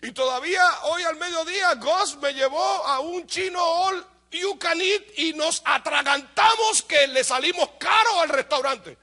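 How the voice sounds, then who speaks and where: A little slow yet with hardly any pauses, a pastor from the Dominican Republic preaches in a Dominican Spanish accent to a congregation. Lively and animated, he asks and answers his own questions, shouts points for emphasis and then drops to a low aside.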